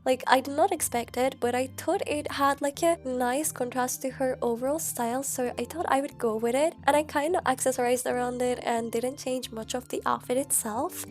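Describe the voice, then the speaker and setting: Congested, high-voiced young woman with a stuffy nose. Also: steady tone, normal speed, few pauses. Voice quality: nasal, congested. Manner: rambling, self-mocking, slangy. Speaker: Sims content creator. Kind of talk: casual chatty commentary. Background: faint background music.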